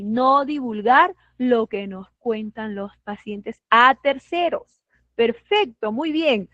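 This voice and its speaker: A woman's voice: high-pitched, no echo, muffled recording. A woman with a Peruvian Spanish accent teaching an online nursing class, asking the students questions, praising their answers and acting out patients and staff. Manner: acts out patients and staff in quick put-on voices; asks the class questions and affirms their comments. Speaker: nursing instructor.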